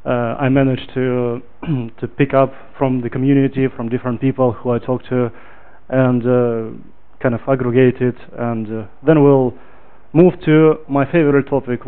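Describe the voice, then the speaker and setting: A man from Ukraine gives a relaxed technical talk at a meetup, pausing often on fillers. His voice is smooth and clear, but the audio sounds thin and phone-like. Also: mid-range voice. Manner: relaxed, filler-heavy, loud when projecting to the room. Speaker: meetup speaker.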